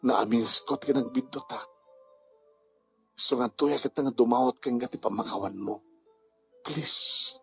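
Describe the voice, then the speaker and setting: A man voicing a remorseful man who begs for forgiveness, speaking softly and slowly. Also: medium pitch, gravelly, soft background music.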